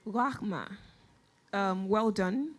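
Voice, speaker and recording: A woman judge giving short, measured live feedback to a contestant. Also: mid-range voice. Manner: measured, brief phrases. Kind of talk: live talent show feedback.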